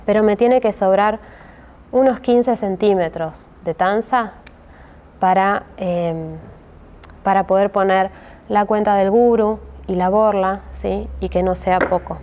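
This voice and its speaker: Lo-fi sound carries a slow, slightly mellow, medium-pitched woman with a Rioplatense accent teaching a craft tutorial in careful steps. She checks on listeners often with "¿sí?" and hesitates frequently, staying patient throughout.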